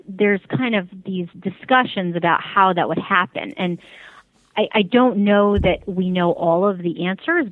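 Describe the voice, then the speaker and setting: Over a tinny phone line, a woman with a lowish voice answers interview questions carefully and diplomatically, speaking as a spokesperson for an advocacy group. There is no room sound.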